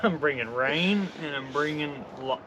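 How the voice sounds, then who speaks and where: A man's voice: a little high, a little slow, pushed and bright, dull audio, a little hiss or hum. A man chatting casually for a hunting vlog in a folksy country drawl. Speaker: turkey hunter.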